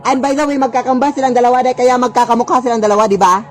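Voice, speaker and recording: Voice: mid-range voice, flat delivery, rapid-fire. A performer acting out short comedy skits, scolding and bickering in exaggerated tones as different characters. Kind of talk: comedic skit acting, playing several characters.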